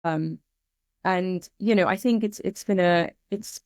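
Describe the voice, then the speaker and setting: A woman, a doctor, is a guest in a casual interview over a video call. Her voice is smooth and a touch low, recorded dry and close, and she speaks earnestly in quick bursts. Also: a little mellow, no echo.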